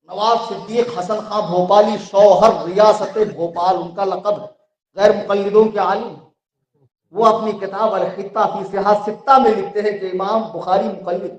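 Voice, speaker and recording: A man with a Mumbai accent preaching a fiery sermon at a live religious gathering, often shouting and mocking his opponents. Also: very high voice, echoey room, low-quality recording. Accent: Mumbai Hindi. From India.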